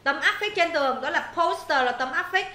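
A woman's voice: sits high, animated, a little fast, sharp tone, echoey room. A woman English teacher, walking students through exam answers, repeating words and checking they follow. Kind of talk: exam answer walkthrough lesson.

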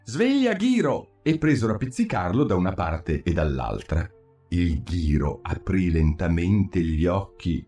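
Older man reading a fairy tale, super animated voice, soft music under it. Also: sits low, a little slow. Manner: expressive, lively reading. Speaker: audiobook narrator. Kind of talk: scripted narration.

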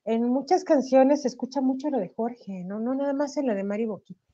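A high-sitting, brisk voice belongs to a singer with a Mexican Spanish accent interviewed by video call in a room at home. The webcam yields lo-fi sound. She talks animatedly, laughing and using tag questions, while a sore throat gives her a slight cough.

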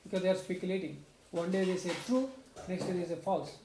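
A young man briskly sums up a satsang for a small group in a home room with a shrine, his soft, low voice earnest and explanatory, with frequent "right?" prompts. He speaks into a stand mic in front and is filmed by a distant camera, with roomy echo and clear background noise.

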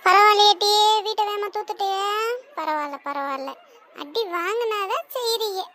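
A woman voicing a strict, scolding mother of two girls, stern and drawn-out. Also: very high-pitched, bright, forceful tone. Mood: pleased. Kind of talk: cartoon voice acting.

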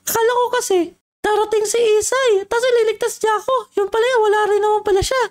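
A woman's voice: extremely high pitch, steady tone, fast, a little mellow. A woman voicing a playful young friend with a crush in a Minecraft role-play, teasing and chatty.

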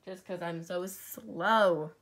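Filmed from above a tabletop with only her hands visible, a young woman with a congested voice and sore throat slowly talks through a crafting tutorial. Her fairly low voice is a bit bright, with slight background noise, and she's chatty and self-deprecating, frequently whispering.

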